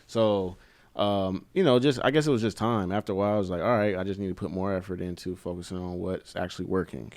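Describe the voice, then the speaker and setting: Low-voiced man telling his story. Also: fast, dry recording. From United States. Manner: relaxed storytelling with frequent fillers. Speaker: guest, brand co-founder. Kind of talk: casual interview talk.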